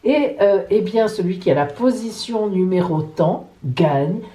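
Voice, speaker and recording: A woman hosting her own astrology vlog in a casual, chatty way. Her voice is warm and mellow, and her pitch rises and falls in lively swoops. She talks playfully, dropping little jokes as she goes. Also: measured pace, poor audio. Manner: chatty, playful, jokey asides. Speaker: psychic astrologer.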